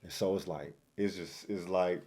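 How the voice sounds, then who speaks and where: A young man speaks in a deep, low-pitched voice, relaxed and conversational. He tells stories with plenty of fillers, like a former quarterback looking back in a casual interview. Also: moderate pace. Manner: relaxed storytelling with fillers and laughs.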